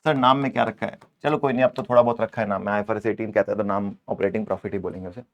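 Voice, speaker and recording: A man's voice: lowish voice, steady tone, rapid-fire, highs cut off. A man teaching an exam-prep accounting lesson, playfully scolding the answer options and switching between Hindi and English.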